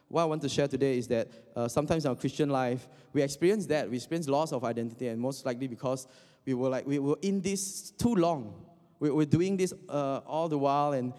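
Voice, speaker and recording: A young Indonesian preacher gives a casual sermon laced with jokes, fillers and restarts. His voice is mid-range and warm, and a long hall reverb hangs on the recording.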